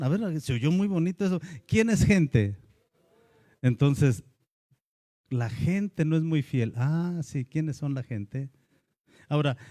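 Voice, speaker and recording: A man with a Mexican Spanish accent, a pastor preaching a lively sermon and acting out the voices of churchgoers. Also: a little high, no echo.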